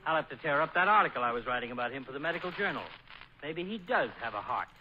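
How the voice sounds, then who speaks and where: Muffled by a noisy old broadcast recording, a genial doctor speaks in a slightly high register. He is dry and wordy, trading needling insults with mock courtesy in radio-comedy style. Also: animated, quick pace, bright, forceful tone. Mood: teasing. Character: droll, needling family doctor, genial underneath. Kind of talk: 1940s radio comedy acting.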